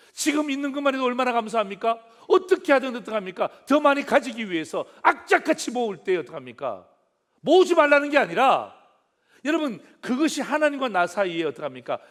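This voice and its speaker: A man preaches a Sunday sermon in a high voice whose pitch leaps and falls with lively animation. He keeps calling out to his congregation and firing rhetorical questions at them. He swings from loud, emphatic phrases down to hushed, low asides. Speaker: pastor.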